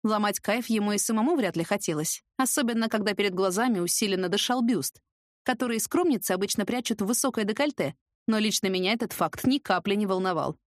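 A woman narrating an audiobook in the first person, lively and sarcastic, with an expressive delivery. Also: mid-range voice, fast, no echo, clean studio sound.

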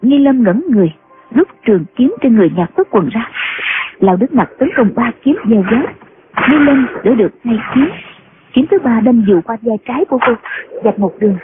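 A woman narrating a martial-arts novel in a steady storytelling voice. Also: on the high side, heavy background noise. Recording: tinny phone-like sound with loud music.

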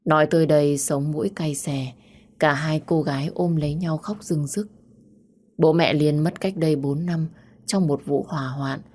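Low-voiced woman narrating a romance story. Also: moderate pace. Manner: even, storytelling. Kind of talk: scripted audiobook narration.

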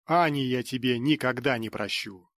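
A man reading an audiobook voices a weary emperor who speaks in a heavy, deliberate way. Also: medium pitch, a bit bright, no room sound, studio quality, close to an everyday voice. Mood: grave. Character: weary emperor, adult man, grave and stern.

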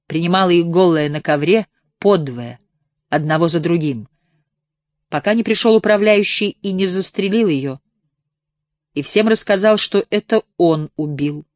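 A hesitant, uneasy landowner confides a dark local legend , read by a woman in an audiobook. He speaks in a low, confiding tone with little flourish. The recording is dry and close. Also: a little slow, no echo, natural voice. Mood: hushed.

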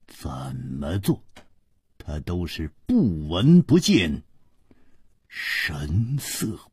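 A man narrating a martial-arts story as a dramatic audiobook storyteller, with expressive, drawn-out delivery and whispered asides. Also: sits low, slightly rough, dry recording, clean studio sound.

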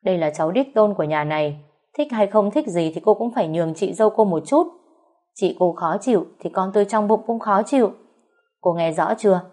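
A woman voicing a domineering middle-aged husband who talks in a loud, scolding way. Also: mid-range voice, brisk, natural voice.

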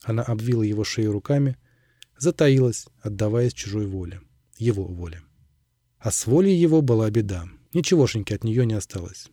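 Audiobook narrator, male, calm and measured, very dark mellow tone, dry close recording. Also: lowish voice, dry recording.

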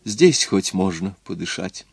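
A man's voice: sits low, lively intonation, measured pace, creaky, a little mellow, breathy edge, dry recording, studio quality, heavily acted. A man reading the part of a pale, nervous, polite young lady in an audiobook. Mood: faint.

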